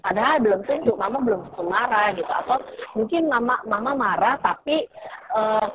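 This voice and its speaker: A middle-aged woman telling parenting stories in a fiery, animated way during a casual online class. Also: on the high side, fairly quick. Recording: tinny phone-like line with crowd noise.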